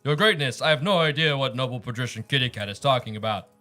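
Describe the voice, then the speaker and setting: A man's voice: mid-range voice, expressive, fast, bright, forceful tone. A man playing an indignant warrior chief bard in a grand, declamatory game role-play voice, with music behind. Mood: blustering denial.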